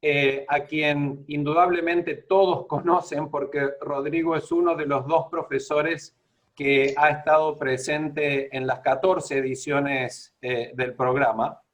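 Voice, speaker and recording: A man moderating an online alumni meeting on a video call, introducing the speakers in a halting way with many fillers. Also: a little high, fairly even intonation. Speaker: program director and moderator.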